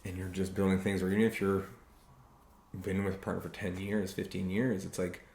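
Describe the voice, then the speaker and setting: A man's voice: sits low, flat delivery, creaky, a little mellow. A man hosting a podcast on relationships, talking casually in an earnest, careful way. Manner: earnest, speaks slowly and carefully. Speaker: podcast host. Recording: echoey room with faint noise.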